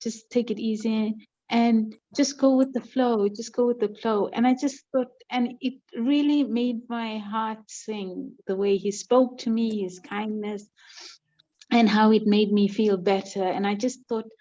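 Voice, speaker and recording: A woman's voice: a little high, fairly even intonation, a little slow, dull audio. Heartfelt woman from Zimbabwe on a call. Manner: warm, heartfelt, hesitant fillers. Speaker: call participant. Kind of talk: casual sharing on a video call. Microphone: video call.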